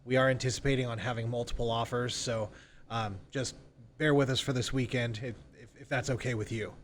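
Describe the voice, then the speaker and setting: Brisk and fairly even in intonation, a mid-range male voice comes through with slight background noise. He's a real estate agent in a relaxed podcast interview, informally describing example phone calls and role-playing them.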